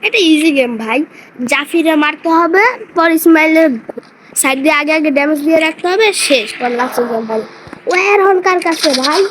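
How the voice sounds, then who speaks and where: A woman giving chatty, excitable gameplay commentary and talking to her viewers. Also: high voice. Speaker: gaming streamer. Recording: noisy background hiss.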